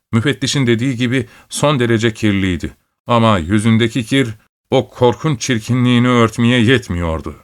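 A man reading a story aloud as an audiobook narrator, in a steady, measured storytelling manner. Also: mid-range voice. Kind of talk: scripted narration.

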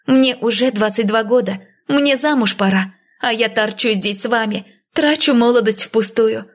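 A woman's voice: on the high side, normal speed, pitched above the performer's own voice, natural voice. A woman voicing a scornful, selfish young woman of twenty-two, sneering and petulant in a raised voice. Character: scornful 22-year-old woman, selfish restless sister.

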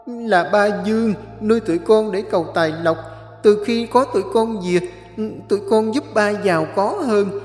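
A man voicing two small frightened child ghosts trapped in dolls, speaking in a shrill trembling voice. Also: moderate pace, a little mellow, roomy sound, big-room sound, soft background music, lightly acted. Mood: pleading.

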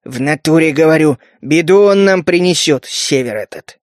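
A man voicing a cynical, suspicious rat-faced male mutant who grumbles in a gruff voice. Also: a little high, lively intonation, moderate pace, dry recording, clean studio sound, natural voice. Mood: suspicious grumbling.

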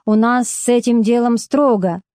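A stern, curt male foreman, as a woman narrator puts him on, barking orders and scolding in slow, heavy words. The tone is mellow and rather dark. The recording is dry and close. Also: fairly high pitch, fairly even intonation, no room sound, lightly acted. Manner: curt, commanding, blunt. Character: gruff stern middle-aged male factory foreman.

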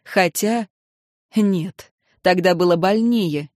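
A woman narrating an audiobook in a measured, dramatic way, close to the mic. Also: fairly low pitch, darkish tone, no echo.

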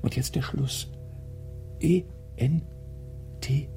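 An actor playing Sherlock Holmes in a German radio drama, a keen, commanding, excitable detective who often drops to a hushed murmur. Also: male voice, medium pitch, slow, soft background music, lightly acted. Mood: hushed, intent. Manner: theatrical, lively, often dropping to a hushed murmur.

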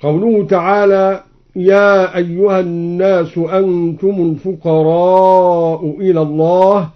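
A man from Egypt explains variant readings of scripture in a measured, precise way and chants each example slowly, heard on an old radio recording. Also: high-pitched, level tone, dull audio. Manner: measured, precise, switching between plain explanation and slow chanting. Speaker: Quran reciter and teacher.

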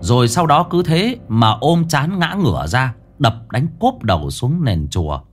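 A man reading a ghost story aloud in a dramatic, expressive storytelling style. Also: medium pitch, measured pace, soft background music. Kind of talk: storytelling narration.

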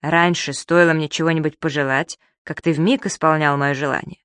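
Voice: medium pitch, steady tone, moderate pace, fairly bright tone, clear, resonant tone, no echo, close to an everyday voice. A reader playing a fussy, exasperated grown man who talks in a stern, grumbling way.

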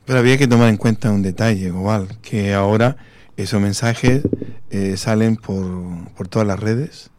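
A man with a Spanish accent hosting a radio talk show, measured and earnest. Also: lowish voice, noisy background. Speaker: radio host. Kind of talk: radio conversation.

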